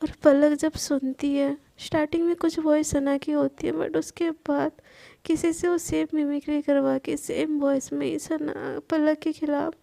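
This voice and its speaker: A woman narrates a serialized romance in a loose, rambling way, restarting phrases as she goes. Her voice is high with a gravelly fry and a dark, mellow tone. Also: little pitch movement, measured pace. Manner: rambling, self-correcting retelling. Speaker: storyteller. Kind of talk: casual serialized story narration.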